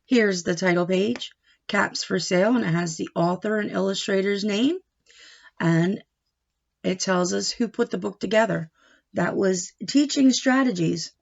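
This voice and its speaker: Reading a picture book to young children, a teacher speaks in a gravelly mid-range voice and short, careful phrases. She asks questions, answers them in an instructive manner, and brings expression to the story. Sound quality is dull and lo-fi.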